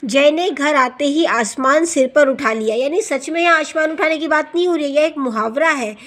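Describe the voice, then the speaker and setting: High pitched lady teacher, walks kids thru exercises, asks then answers her own questions. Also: normal speed, fairly bright tone. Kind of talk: classroom lesson explanation.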